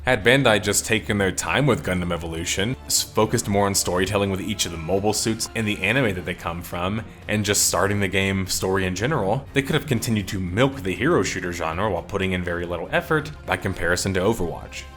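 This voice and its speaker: Guy narrating his video essay, lowish voice kinda worn out and strained, wry opinionated delivery, soft music under it. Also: fast talker, few pauses. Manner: opinionated, wry, detective-themed wrap-up. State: strained, tired voice. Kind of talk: scripted commentary narration.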